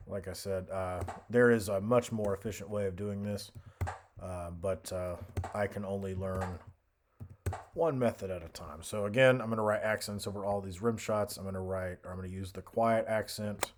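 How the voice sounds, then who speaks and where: A man giving a casual software tutorial as an instructor, hesitant and thinking aloud as he goes. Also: fairly low pitch, fairly even intonation, moderate pace, a little hiss or hum.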